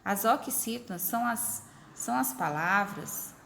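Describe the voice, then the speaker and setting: A woman teacher explaining a lesson to her pupils, repeating examples slowly and stretching syllables. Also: mid-range voice, lively intonation, creaky, a bit bright, a little hiss or hum. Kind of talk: recorded remote class explanation.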